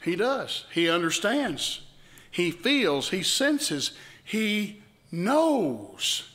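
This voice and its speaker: High-voiced, slow Southern preacher. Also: male voice, big pitch swings. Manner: storytelling preacher, builds to loud emphatic peaks. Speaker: pastor. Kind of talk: sermon. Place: church sanctuary. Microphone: live-stream microphone.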